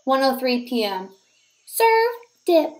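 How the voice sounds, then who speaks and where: A high-pitched woman, reading as a teacher, voices a children's picture book aloud. Her storytelling is expressive and deliberate, pitched for young children.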